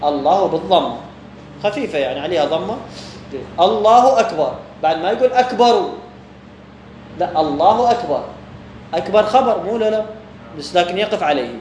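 This man's high, slightly mellow voice moves briskly with lively intonation, broken by long pauses. Speaking with an Iraqi Arabic accent, he explains a jurisprudence text to students and answers his own questions. Echo and a faint background hum fill the recording.

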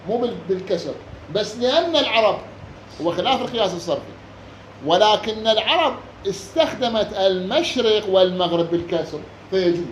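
High-voiced Iraqi man teaching a class. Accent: Iraqi Arabic. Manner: reads a passage slowly, then explains it with quizzing questions. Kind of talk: classroom lesson explaining a grammar text. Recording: echoey room with faint background noise.

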